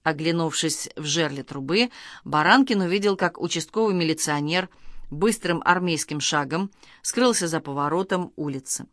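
A woman narrating a children's story aloud, reading in a lively, expressive way. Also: sits low, normal speed, no echo, studio quality.

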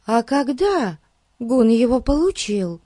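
A man putting on a much higher voice to play a curious, inquisitive young girl. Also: very animated, takes it slowly, dark tone, no echo, studio quality, heavily acted. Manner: high, inquisitive.

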